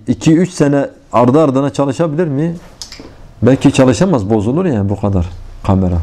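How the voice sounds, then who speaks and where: Bir erkek vaiz, rahat bir sohbet havasında din dersi veriyor. Sesi yumuşak ve koyu tonlu, perdesi orta. Örnekleri sorularla açıyor, Arapça ibareleri okuyup açıklıyor. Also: male voice, mid-range voice, mellow. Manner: conversational, explains with everyday examples and rhetorical questions; recites Arabic phrases between Turkish explanation. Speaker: religious teacher. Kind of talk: informal religious lesson.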